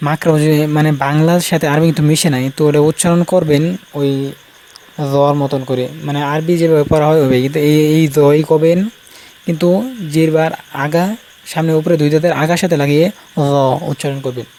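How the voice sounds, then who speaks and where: A man teaching Arabic letter pronunciation in an informal lesson, speaking slowly and repeating each sound many times. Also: on the high side, flat delivery, dark tone, a little hiss or hum, low-quality recording. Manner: slow and repetitive, drilling sounds. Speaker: Quran recitation teacher.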